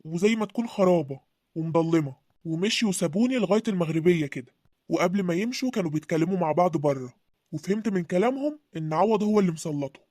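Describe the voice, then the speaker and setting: A voice actor playing a gentle young husband who speaks Egyptian Arabic in a calm, earnest storytelling voice. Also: medium pitch, rapid-fire, dry recording, studio quality, lightly acted. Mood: recounting.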